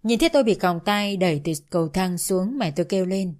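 A woman reading a dramatic first-person story aloud in a steady narrating voice. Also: medium pitch, fairly quick.

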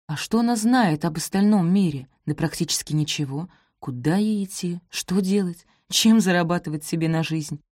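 A woman narrating an audiobook in an even, measured reading. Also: on the low side, no room sound, clean studio sound. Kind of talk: scripted narration.

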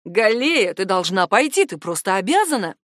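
A woman voicing a calm, persistent male AI assistant who speaks in a measured, soothing way. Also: mid-range voice, no echo, studio quality. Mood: calm, insistent.

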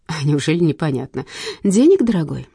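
A woman's voice: low voice, big pitch swings, a little fast, vocal fry, warm tone, slightly rough, dry recording, studio quality, full character voice. A woman voicing a scheming widow who talks in a sweet, mocking purr. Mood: sweetly menacing. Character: scheming purring widow, middle-aged woman.

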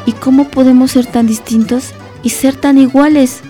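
A woman voicing a small fussy young bird in a storybook reading, chirpy and shrill. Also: fairly even intonation, normal speed, dark tone, soft background music, close to an everyday voice.

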